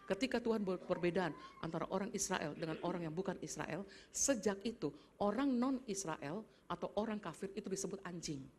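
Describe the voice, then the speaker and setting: A woman pastor preaching in a lively, conversational way, often addressing the congregation directly. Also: fairly low pitch, a little fast, a little hiss or hum. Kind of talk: sermon.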